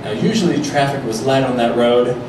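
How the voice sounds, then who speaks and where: A comedic storyteller with a medium-pitched, fairly quick voice reads a mock children's rhyme and chats with a live audience from the stage. The distant mic captures heavy echo and crowd noise.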